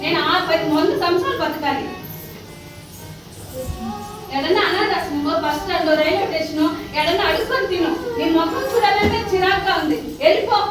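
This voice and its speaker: Give me a sharp, scornful daughter-in-law, as a woman acts her out in a church stage drama, speaking high and fast. She is heard from a distance in a very echoey hall with clear noise behind her. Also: music in the background, close to an everyday voice. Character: harsh daughter-in-law, scornful then repentant. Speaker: church skit actor. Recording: echoey hall from far off, noisy.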